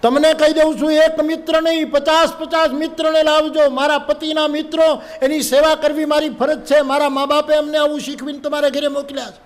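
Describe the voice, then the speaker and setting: A male storyteller voicing an indignant, sharp-tongued housewife who scolds loudly. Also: level tone, a little fast, few pauses. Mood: indignant scolding. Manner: shrill, emphatic scolding.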